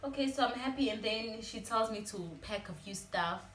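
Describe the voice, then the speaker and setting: A woman's voice: fairly high pitch, moderate pace, a bit bright. A young woman with a South African Zulu accent, telling a personal story in a confiding, emotional way as a vlogger. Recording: echoey room with faint ambient noise.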